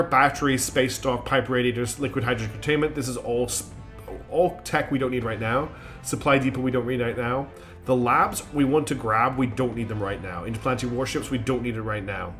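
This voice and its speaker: His mid-range voice has a fairly bright tone as he livestreams a strategy game. Chatty and a little stuffy-nosed, he thinks out loud with frequent ums and restarted sentences.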